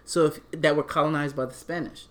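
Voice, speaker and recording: A man co-hosting a podcast in casual chat, animated and laughing often, talking loosely. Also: on the high side, brisk. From Panamanian and Haitian roots, born in the US. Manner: animated, laughing, repeats "you know what I'm saying". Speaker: podcast co-host.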